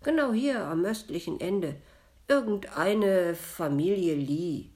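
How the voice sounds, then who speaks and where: A woman's voice: on the low side, animated, takes it slowly, a little mellow. A woman voicing the ghost of a young girl, whiny, touchy and plaintive, in a read-aloud story. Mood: grumbling.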